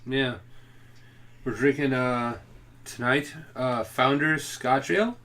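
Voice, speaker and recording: A man's voice: medium pitch, fairly even intonation, slow pace, a bit bright. A man co-hosting a casual home podcast, rambling with many fillers and restarts. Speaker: podcast co-host. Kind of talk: casual chat.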